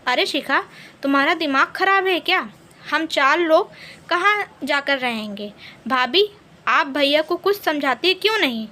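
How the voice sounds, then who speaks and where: A woman's voice: high-pitched, lively intonation, unhurried, bright, forceful tone, full character voice. A woman voicing an angry young man, a worried younger brother who pleads with his family. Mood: pleading. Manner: pleading, heated.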